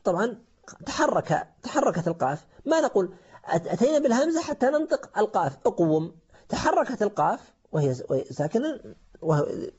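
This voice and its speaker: Husky dark-voiced man teaching grammar. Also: a little high. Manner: explains step by step, asks and answers own questions, many fillers. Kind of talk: grammar lesson on Quranic verses. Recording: dull lo-fi recording.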